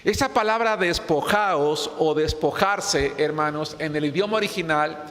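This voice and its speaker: A man's voice: a little high, measured pace, a bit bright. A man preaching a sermon, earnest and repetitive, often calling out to his listeners as brothers. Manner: earnest, repeats phrases and addresses the congregation as brothers. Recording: long hall reverb.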